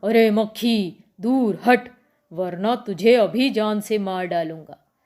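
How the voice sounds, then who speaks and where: A woman teacher voicing an angry lion, king of the jungle, who shouts threats. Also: high-pitched, sing-song, slow pace, exaggerated voice. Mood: threatening.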